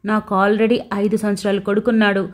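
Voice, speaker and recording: A woman's voice: mid-range voice, level tone, a little fast, close to an everyday voice. A woman doing a spiteful jealous rival woman. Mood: scornful. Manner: taunting, scornful.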